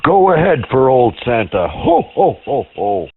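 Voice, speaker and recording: A man's voice: mid-range voice, big pitch swings, a little slow, slightly rough, no room sound, exaggerated voice. Santa Claus, as a man puts him on, over two-way radio. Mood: jolly. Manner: hearty ho-ho-ho laughs, jovial. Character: jolly old Santa Claus, booming and cheerful. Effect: two-way radio transmission. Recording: tinny radio channel.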